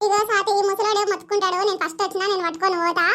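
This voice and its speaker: A woman's voice: very high voice, steady tone, pushed and bright. A woman voicing quarrelsome village women with a Telangana Telugu accent, fighting over water pots in a comic village skit. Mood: bickering. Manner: scolding, bickering, rapid village talk.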